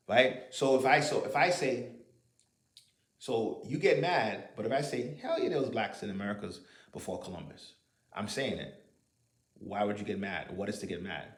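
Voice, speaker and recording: A man delivers an argumentative monologue in a loose, casual style, piling up rhetorical questions and dropping the occasional curse. His voice sits in an ordinary middle pitch. The recording sounds roomy, with noticeable echo off the walls. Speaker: commentator.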